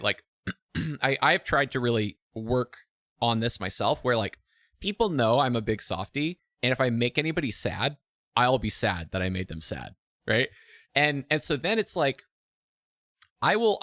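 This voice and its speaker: A man hosts an interview in a loose, conversational way, filling his thoughts with "like" and "right?". His pitch moves a lot and his tone is bright and forward. The recording is dry and close. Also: no echo. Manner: animated, thinks aloud with many "like" and "right?". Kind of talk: casual interview chat.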